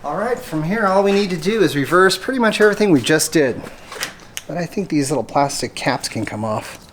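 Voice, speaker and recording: Deep-voiced and expressive, she talks fairly quickly while presenting an informal how-to video on car repair, going step by step and working with her hands. The audio is clearly noisy, with clicking tool sounds.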